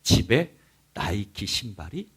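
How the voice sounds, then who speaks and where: Animated male pastor, loud to whisper. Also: on the low side, slow, husky. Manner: animated storytelling, swings from shouts to whispers. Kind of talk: sermon.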